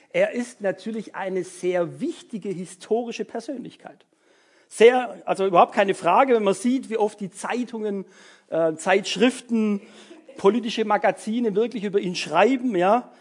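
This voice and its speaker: A man's voice: high voice, normal speed. A man giving a casual sermon to young people as their youth leader, chatty and full of fillers and tag words.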